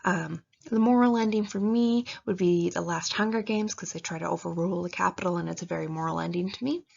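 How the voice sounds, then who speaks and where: Gravelly, husky woman giving chatty writing tips. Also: on the low side, brisk, darkish tone. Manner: chatty, many fillers, acts out reader reactions. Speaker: writing advice presenter. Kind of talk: casual instructional talk. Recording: dull lo-fi recording.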